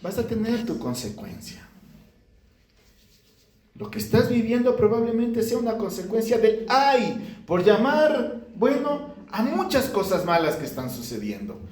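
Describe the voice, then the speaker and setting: A male pastor delivering a lively sermon to his congregation, acting out pleading prayers as he preaches. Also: high voice, unhurried. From Ecuador. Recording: echoey church room.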